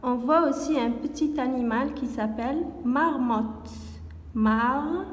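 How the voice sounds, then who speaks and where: A woman teaching a phonics lesson to young children, speaking slowly and carefully and repeating each word and sound. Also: high voice. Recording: echoey room with long reverb.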